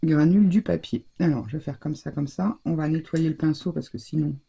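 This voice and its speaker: A woman with a husky, gravelly, low voice talks viewers through a hands-on craft demonstration at a brisk pace. Her tone is very dark and mellow, and she chats loosely in a relaxed, conversational way, restarting and trailing off as she works.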